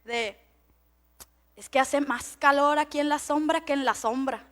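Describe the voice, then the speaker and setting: High-voiced woman pastor preaching. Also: a little slow. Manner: chatty, laughs often, stumbles over words. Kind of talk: sermon with personal story.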